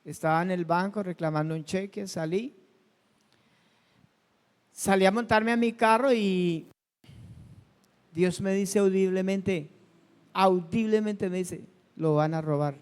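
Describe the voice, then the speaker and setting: A man's voice: high-pitched, steady tone, takes it slowly, pauses often, smooth. A male pastor preaching a sermon in a conversational way, asking his congregation questions and telling personal stories. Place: church hall. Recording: long hall reverb.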